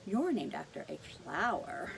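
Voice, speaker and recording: A woman voicing a bossy know-it-all little girl in a storybook read-aloud, a bit louder than her narration. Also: fairly low pitch, big pitch swings, unhurried, creaky, a little hiss or hum, exaggerated voice. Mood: smug.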